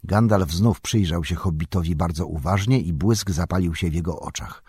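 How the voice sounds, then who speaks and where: A man narrating an audiobook in a measured, steady reading voice. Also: husky, dry recording, clean studio sound. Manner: measured, dropping into a low hush. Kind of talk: scripted narration.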